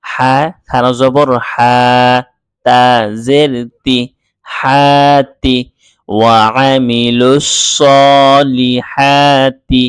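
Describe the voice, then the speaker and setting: A man of middle pitch teaches Quran reading at an unhurried pace, drawing out each syllable. His voice is smooth and resonant, recorded close and dry in a quiet room. Between spelled syllables he explains the rules in faster, plain talk. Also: dry recording. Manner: spells letters and vowel marks slowly, then explains quickly. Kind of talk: slow syllable-by-syllable recitation lesson.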